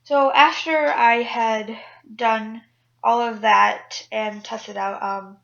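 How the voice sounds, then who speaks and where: A woman's voice: a little high, fairly even intonation, slow pace, creaky, a bit bright, dull audio. A woman cosplay vlogger talking through a costume build in a chatty, rambling way, mocking herself and swearing casually. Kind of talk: casual chat and voiceover tutorial.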